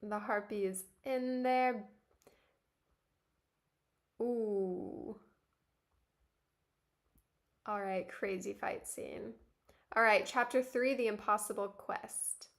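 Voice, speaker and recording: A woman's voice: mid-range voice, fairly even intonation, slow pace, long pauses. A woman streaming live, reading a webtoon aloud and reacting with lots of giggles.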